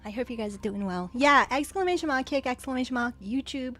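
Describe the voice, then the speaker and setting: A woman hosting a casual livestream, excitedly thanking viewers and stumbling over her words. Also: high voice, brisk, faint music behind. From Australia. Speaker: livestream host.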